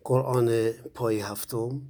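Mellow husky man teaching a lesson. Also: medium pitch, steady tone. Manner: explanatory, with pauses and fillers. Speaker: Quran recitation teacher. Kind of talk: recorded lesson to students.

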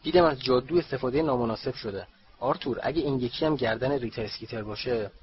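A man voicing a brisk middle-aged wizard official who talks in a hurried, chatty way. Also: medium pitch, close to an everyday voice. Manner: hurried and talkative. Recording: slightly dull, faint hiss.

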